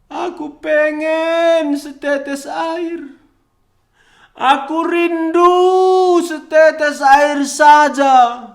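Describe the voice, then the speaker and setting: A man's voice: very high-pitched, level tone, extremely slow, vocal fry, pitched above the performer's own voice, exaggerated voice. A man voicing a tormented rich man who begs and wails desperately for mercy, in an echoey room. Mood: pleading. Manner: desperate, begging and wailing.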